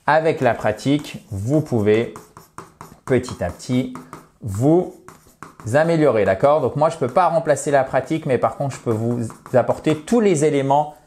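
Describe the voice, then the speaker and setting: Casting note: a man as a lively French-speaking English teacher, mid-pitched, modeling words slowly. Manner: lively, addresses viewers directly, checks with "ok?" and "d'accord?". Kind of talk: online lesson, explaining to viewers.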